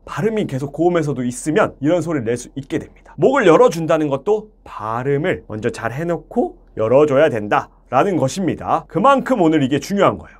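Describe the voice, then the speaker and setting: Man, vocal coach, singing lesson, high voice, very animated. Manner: animated, demonstrating hums and shouted calls. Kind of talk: singing lesson with sung demonstrations.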